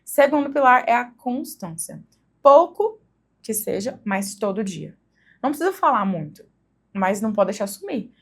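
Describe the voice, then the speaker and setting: A woman's voice: on the high side, very animated, normal speed. A woman with a Brazilian accent giving a conversational lesson to the camera, often checking in with tag questions. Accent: Brazilian Portuguese. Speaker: English teacher for mothers. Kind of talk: instructional video talk to the camera.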